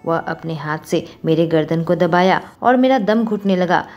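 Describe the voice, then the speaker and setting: A woman's voice: fairly low pitch, animated, normal speed, muffled recording, soft background music. A woman narrating a romantic story in the first person as a scripted reading.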